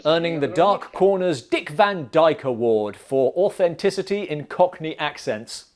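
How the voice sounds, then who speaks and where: A man's voice: a little high, animated, unhurried, faint music behind. A man hosting a comedic bad-movie review, narrating with dry sarcasm. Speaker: film reviewer host.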